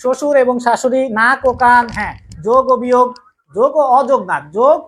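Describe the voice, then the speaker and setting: A woman's voice: on the high side, fairly quick. A woman teaching a casual grammar lesson, patiently repeating key points and asking the class rhetorical questions. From Bangladesh.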